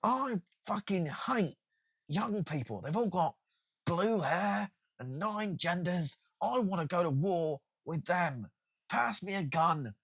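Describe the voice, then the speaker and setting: A man voicing a grumpy older man who drawls slowly and bitterly about young people. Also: high voice, expressive, vocal fry, fairly bright tone, husky, dry recording, voice pushed up, heavily acted. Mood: scornful.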